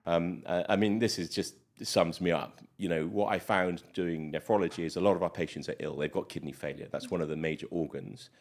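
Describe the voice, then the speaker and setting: Very low-voiced chatty British man. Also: steady tone, a little fast, hardly any pauses. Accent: British English. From Malawi. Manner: chatty, many fillers, rambling. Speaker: guest doctor. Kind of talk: casual interview chat.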